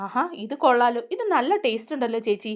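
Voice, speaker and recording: A woman's voice: on the high side, quick pace, natural voice. A woman voicing an injured but easygoing young man who keeps reassuring his family.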